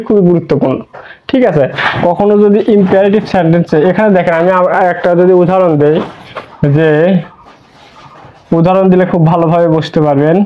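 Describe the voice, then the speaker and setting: A man teaching an online English grammar lesson, explaining step by step with repeated words and rhetorical questions. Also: high voice. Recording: dull lo-fi recording.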